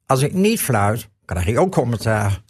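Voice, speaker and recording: A man's voice: mid-range voice, very animated, moderate pace, slightly rough, no room sound, clean studio sound. A retired man in his sixties, an amateur football referee, chatting as a guest and stumbling over repeated words. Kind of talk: casual radio chat.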